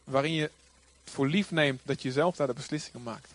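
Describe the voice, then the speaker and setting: A male pastor preaching a sermon with passion, rising now and then to loud cries. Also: medium pitch, moderate pace.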